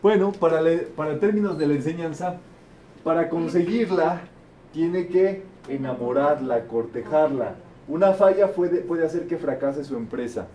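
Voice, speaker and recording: A man's voice: a little high, moderate pace, mellow, a little hiss or hum. A man facilitating a group teaching session, asking the participants questions and repeating their answers back with a frequent "¿verdad?". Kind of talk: interactive group teaching talk.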